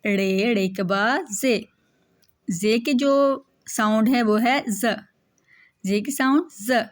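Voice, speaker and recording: A woman's voice: a little high, takes it slowly. A woman with an Urdu-speaking Pakistani accent teaching children the alphabet, repeating each letter's sound and asking and then answering her own questions.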